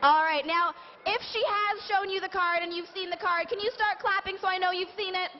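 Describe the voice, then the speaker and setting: High-voiced woman doing kids' party magician patter. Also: fairly even intonation, brisk. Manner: kids' party magician patter, playful, addressing children and prompting them to join in. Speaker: children's science and magic show presenter. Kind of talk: live children's stage show patter. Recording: muffled live event recording, noisy crowd. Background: crowd of an audience, background noise.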